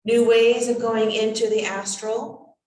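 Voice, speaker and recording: A woman as a seance medium channels a cryptic spirit guide. The pronouncements come slowly, in short halting phrases, in a fairly high female voice. The sound is roomy and picked up from a distance. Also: flat delivery, darkish tone, lightly acted. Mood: measured, cryptic. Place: indoors, draped room. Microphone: distant camera microphone. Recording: roomy echo, distant microphone.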